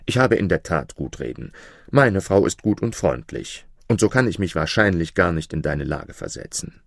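Guy reading a blunt friendly baker, deep voice, dry close sound. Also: animated, moderate pace, gravelly, a bit bright, no echo, heavily acted. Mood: bluff. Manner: blunt then apologetic. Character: jovial, frank male pastry baker.

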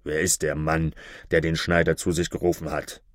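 A man's voice: a bass voice, flat delivery, normal speed, dry recording, clean studio sound, pitched below the performer's own voice. A man voicing a stern, cruel bandit chief who gives harsh commands. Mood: menacing.

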